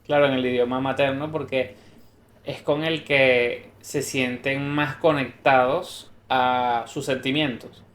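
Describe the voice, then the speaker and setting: A podcast co-host speaks in a mid-range, steady voice with a fairly bright tone, taking his time. He chats casually and thoughtfully, working through ideas with examples and restarting his sentences. The recording has a roomy echo.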